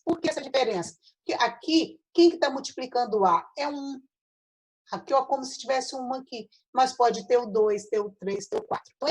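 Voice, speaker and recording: A woman's voice: fairly high pitch, low-quality recording. A Brazilian woman teaching a math class online, her voice breaking up into choppy, robotic video-call audio as she explains step by step. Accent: Brazilian Portuguese. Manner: explains step by step, checks in with tag questions. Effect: choppy, robotic, glitching video-call audio.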